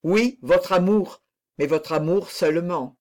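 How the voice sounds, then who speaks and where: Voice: mid-range voice, measured pace, a little mellow, lightly acted. A reader voicing a nobleman torn by love, speaking in a breathless, exclamatory way. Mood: overwhelmed.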